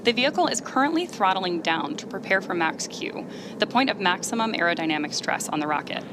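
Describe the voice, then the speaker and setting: A woman giving measured, explanatory live commentary as the host of a launch webcast. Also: medium pitch, animated, noisy background.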